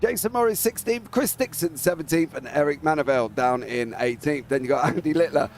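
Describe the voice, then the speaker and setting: A man commentating live on a motorsport race as the main caller, in an excitable, informal, chatty manner. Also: on the high side, a little fast.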